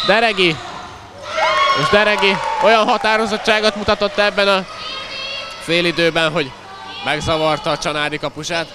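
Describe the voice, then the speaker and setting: A man giving excited live sports commentary in an animated way, exclaiming and calling out players' names. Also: a little high. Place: indoor school sports hall during a match. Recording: noisy echoing crowd, live match sound. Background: loud crowd and bouncing ball.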